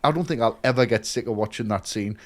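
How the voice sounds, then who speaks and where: A man's voice: lowish voice, fast. A man co-hosting a film podcast who talks with eager enthusiasm, swears freely and acts out lines he quotes. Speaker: podcast co-host. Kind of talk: casual film discussion.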